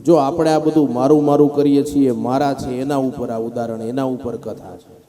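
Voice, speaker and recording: A man preaching a devotional sermon as a lively storyteller who acts out the characters in his parable. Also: mid-range voice, normal speed, faint music behind. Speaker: scripture reciter.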